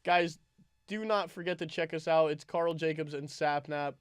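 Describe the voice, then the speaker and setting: A young man with a high, smooth, resonant voice co-hosting a casual podcast. He rambles loosely, stacking "like" between his words. The recording is close and dry, with no room sound. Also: fairly even intonation, moderate pace, dry recording. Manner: rambling, heavy on "like" fillers. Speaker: podcast co-host.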